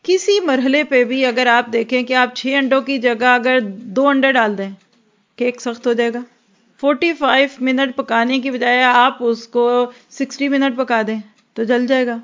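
A woman's voice: high voice, steady tone, a bit bright. Earnest woman giving a religious lecture. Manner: earnest, explanatory, acts out quoted dialogue; mixes English words into her speech. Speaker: religious teacher. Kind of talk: Islamic lecture. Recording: dull lo-fi recording.

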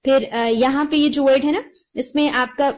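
This is a woman with a fairly high voice, teaching Quran recitation to a student over a video call. She explains each correction patiently, slowing right down to model the words. The call audio is dull and lo-fi. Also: steady tone. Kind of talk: online tajweed lesson, giving feedback.

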